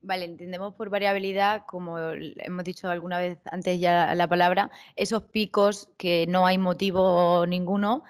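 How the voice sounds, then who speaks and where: A woman's voice: fairly low pitch, level tone, moderate pace, hardly any pauses, clear, resonant tone. A woman with a Spanish accent answering a panel question, reflective and posing rhetorical questions.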